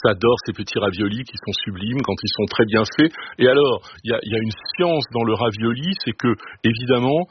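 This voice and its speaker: A man in his sixties, a chef being interviewed on radio, talking in a thoughtful, musing way with frequent pauses. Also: mid-range voice. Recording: muffled radio broadcast with hiss.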